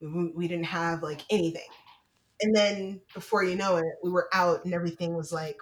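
A woman's voice: on the low side, fairly even intonation, normal speed, a crowd in the background, low-quality recording. A woman from the San Francisco Bay Area co-hosting a casual panel chat, talking in a rambling, reflective way. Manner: rambling, lots of fillers, reflective. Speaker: podcast co-host.

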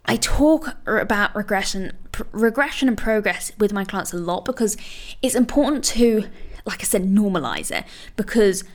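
A woman dog trainer talks through her advice in a loose, chatty way, leaning on "you know" and "like" as she goes. Her tone stays reassuring and encouraging, with a voice at an ordinary middle pitch. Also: lively intonation, normal speed. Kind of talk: casual advice monologue.

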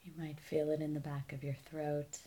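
In a deep voice, a woman leads a guided meditation as the teacher. She is calm and soothing, never rushing, and lets the ends of her phrases fade gently.

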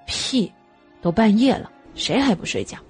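A woman's voice: medium pitch, expressive, normal speed, breathy edge, soft background music. A woman voicing a brash, cocky young man, the cheeky second brother.

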